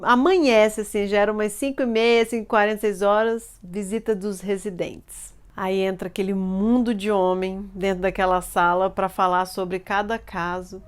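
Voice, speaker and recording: A woman, telling a personal life story in an animated way and acting out the people she quotes. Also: medium pitch, moderate pace, few pauses, smooth.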